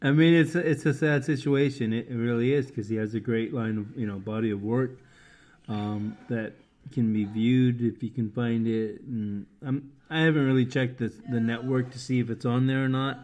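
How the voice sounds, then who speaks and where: A man's voice: medium pitch, steady tone, moderate pace, darkish tone. Hesitant, earnest podcast co-host man. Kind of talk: casual chat.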